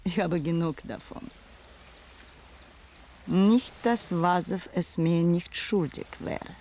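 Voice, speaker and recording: A woman's voice: on the low side, slow, slight background noise. A worldly, wistful woman of the past. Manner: hushed, often whispering, wistful. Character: worldly woman recalling a lost lover. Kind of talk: radio play acting.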